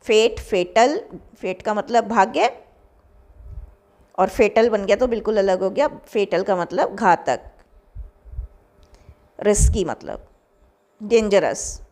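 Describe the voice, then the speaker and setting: A woman's voice: medium pitch, takes it slowly, long pauses, a little mellow. A young adult woman with an Indian accent, teaching vocabulary and reading out word pairs with encouraging asides. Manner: reads word pairs aloud, gives Hindi meanings. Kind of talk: vocabulary lecture.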